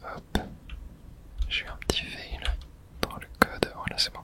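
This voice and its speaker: Hushed and casual, a person whispers ASMR commentary over a video game, breathy and thinking aloud, speaking a little slowly.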